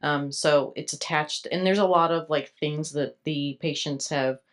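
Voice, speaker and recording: A woman's voice: deep voice, a little slow. A woman chatting casually and informally as a co-host. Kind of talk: casual chat.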